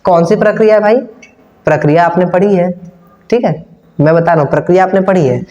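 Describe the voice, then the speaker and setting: A man's voice: high-pitched, fairly quick, warm tone, lo-fi sound. A man from India with a North Indian Hindi accent, teaching a science class online, repeating key terms and answering his own questions in a casual way. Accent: Hindi-speaking North Indian. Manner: casual, addresses students as brother and kids. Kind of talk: online class lesson with diagram.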